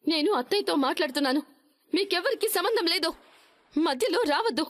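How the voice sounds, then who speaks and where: Defiant young daughter-in-law, very high and quick. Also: female voice, lively intonation. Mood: indignant. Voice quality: indignant, pleading. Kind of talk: TV serial acting.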